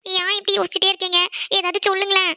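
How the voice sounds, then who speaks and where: A woman's voice: extremely high pitch, level tone, fast, pushed and bright, full character voice. A woman voicing an anxious young woman in a cartoon who pleads through tears. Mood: fearful. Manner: pleading, tearful. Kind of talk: cartoon voice acting.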